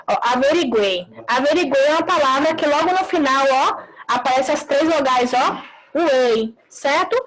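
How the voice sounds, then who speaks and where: A woman teaching a live class over a video call, her voice sitting high. She explains step by step, repeating key words and asking short checking questions as she goes. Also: low-quality recording.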